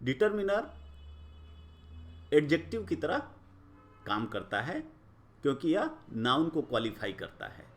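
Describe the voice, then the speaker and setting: A man explains grammar in a patient, deliberate lecture. His voice sits a little high and moves a lot as he stresses each term. He takes his time over every phrase. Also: sing-song. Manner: slow, deliberate, rising and falling emphasis. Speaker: grammar teacher.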